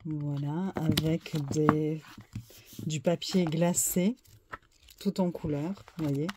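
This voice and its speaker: A woman's voice: sits low, steady tone, noisy background. A French-speaking woman casually showing and describing a tarot deck, hesitant and full of little fillers. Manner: hesitant, fills pauses with euh and hein. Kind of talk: casual show-and-tell unboxing.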